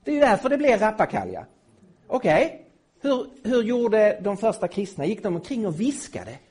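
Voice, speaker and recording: A middle-aged man teaching a Bible lesson to a live audience, emphatic and at times rising to loud indignation. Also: high voice, big pitch swings, slightly rough.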